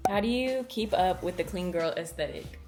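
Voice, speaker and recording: A woman's voice: fairly low pitch, expressive, moderate pace. A woman reading out viewer questions for someone else to answer. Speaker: off-camera question reader. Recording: music clearly behind the voice. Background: background music.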